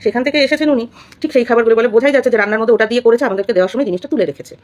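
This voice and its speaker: A woman's voice: fairly high pitch, rapid-fire, a little mellow. A woman giving a casual opinion monologue, scolding and full of rhetorical questions. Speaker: social commentator.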